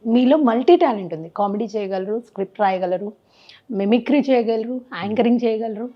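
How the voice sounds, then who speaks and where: Lady host asking questions, kinda high voice, dull muffled audio. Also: expressive, a little fast. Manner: brief encouraging backchannels and prompts. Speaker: interview host. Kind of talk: casual interview.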